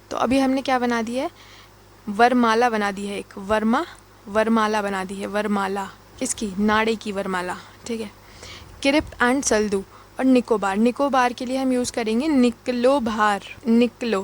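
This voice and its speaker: Playful woman teacher, fairly high voice. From Uttar Pradesh. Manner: playful, repeats key words, asks and answers her own questions. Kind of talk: exam-prep lecture with memory tricks.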